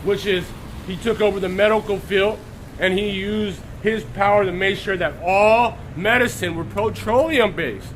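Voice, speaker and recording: This live online sermon comes from a high-pitched man with a Texas accent, hoarse while recovering from sickness and speaking at a moderate pace. The recording is low quality with a faint background hiss, and he keeps clearing his throat and pausing to greet viewers by name.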